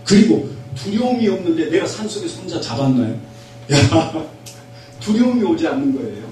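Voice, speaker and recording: Middle-aged male pastor, fervent revival preaching, slightly high voice, distant mic in a very echoey hall with faint hum. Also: sing-song, normal speed. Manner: fervent preaching, swings between loud exhortation and quiet testimony. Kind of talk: revival sermon. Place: prayer retreat hall.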